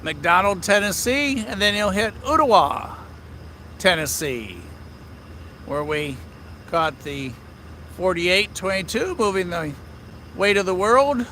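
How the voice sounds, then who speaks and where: Chatty guy live-streaming outside by the tracks at night, high voice, takes his time. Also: animated, slow pace, long pauses, pushed and bright, a little hiss or hum. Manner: chatty, upbeat, talks straight to viewers. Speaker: railfan livestream host. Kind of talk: casual live-stream chat to viewers. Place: outdoors trackside in a small town downtown at night.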